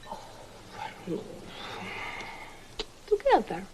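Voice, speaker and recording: An actress in her twenties playing a forward young Swedish visitor, with a Swedish accent and a soft, teasing manner, in 1960s film acting. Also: drawn-out words, slight background noise, rough recording. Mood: coy. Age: 20s.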